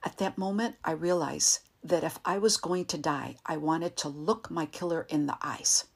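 A woman reading an audiobook in a calm, measured way, sometimes dropping to a soft whisper. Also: low-pitched, vocal fry, slightly rough. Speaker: narrator. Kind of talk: audiobook narration.

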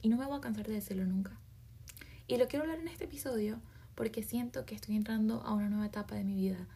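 A woman hosting a self-help podcast, talking emphatically with many rhetorical questions and slangy asides, often dropping into soft half-whispers. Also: mid-range voice, fast, gravelly, breathy edge. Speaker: podcast host. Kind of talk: motivational self-help monologue.

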